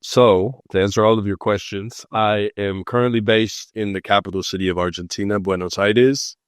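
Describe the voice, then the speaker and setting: A psychic and mentor from Los Angeles, United States, chats as a guest on a casual podcast interview, relaxed, joking and loosely conversational. His fairly low voice is clear and resonant at a moderate pace. The studio-quality recording has no room sound.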